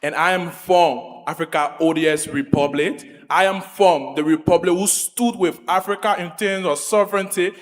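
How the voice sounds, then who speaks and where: Higher-pitched young man orating, echoing hall. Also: moderate pace, few pauses. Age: young adult. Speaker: student speaking from the audience. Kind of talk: declamatory speech from the floor. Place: large conference hall. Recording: echoing hall, faint music.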